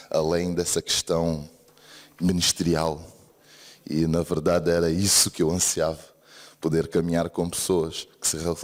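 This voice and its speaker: In a church service hall, a Brazilian man delivers an earnest sermon, frequently asking the congregation for an amen. His low voice has a darkish tone and a Brazilian accent blended with European Portuguese, and the hall's long reverb colors the recording.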